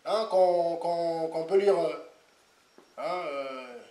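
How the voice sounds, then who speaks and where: A man giving an informal, rambling sermon, repeating himself with animated asides. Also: fairly high pitch, drawn-out words, echoey room. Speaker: preacher.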